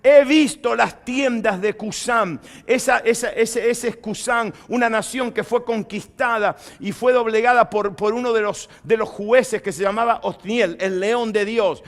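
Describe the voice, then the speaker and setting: A pastor preaching a sermon to a congregation. He asks them questions and rises to loud proclamation as he reads scripture. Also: sits high, a little slow, few pauses. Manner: lively preaching, rising to loud proclamation when reading scripture.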